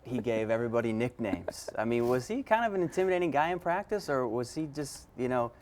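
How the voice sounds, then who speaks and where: A male sports director with a mid-pitched voice, hosting a TV feature. He asks his questions in a friendly, upbeat way. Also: expressive, brisk, a little mellow.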